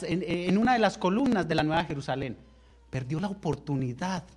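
A male preacher with a high, husky voice delivers an impassioned sermon. He swings between loud outbursts and hushed, quiet lines. He repeats words and restarts phrases as he tells the story.

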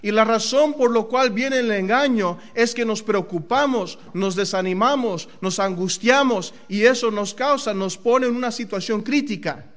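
A man's voice: moderate pace, hardly any pauses. A man preaching a sermon, asking the congregation questions and answering them himself, dropping into English phrases now and then. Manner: swings from loud emphasis to low, soft phrasing.

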